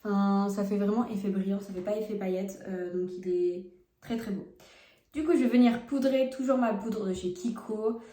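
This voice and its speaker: A young woman speaks in a steady, dark-toned, mid-range voice at a moderate pace, in a room with noticeable echo. The beauty vlogger films a casual makeup test on her phone at home and chats frankly with viewers as she applies each product.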